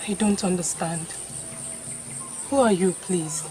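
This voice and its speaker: A woman's voice: lowish voice, slow pace, dark tone. A woman with a Nigerian accent playing an earnest, pleading queen in a film drama, with formal phrasing. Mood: confused, pleading. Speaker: actor. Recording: prominent film music behind the voice. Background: music.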